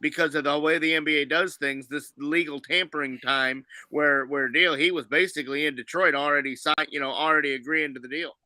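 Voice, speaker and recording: Sharp-voiced, matter-of-fact male co-host. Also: a little high, steady tone, fairly quick, hardly any pauses, no room sound. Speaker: podcast co-host. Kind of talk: casual sports chat.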